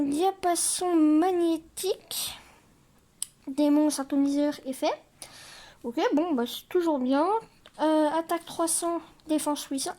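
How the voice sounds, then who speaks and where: High, unhurried woman host, reads cards aloud haltingly, excitable asides. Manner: hesitant, many filler sounds while reading; excitable little exclamations. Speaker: card game video host. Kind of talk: casual commentary while reading cards aloud.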